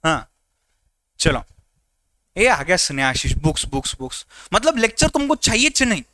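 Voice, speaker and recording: A man teaching a live online lecture in a lively, teasing way, often repeating his instructions. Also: high voice, normal speed, dry recording, studio quality.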